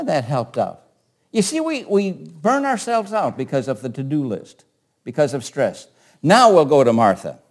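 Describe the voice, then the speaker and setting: A male pastor preaching a sermon and reading scripture aloud, often asking the congregation rhetorical questions. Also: on the high side.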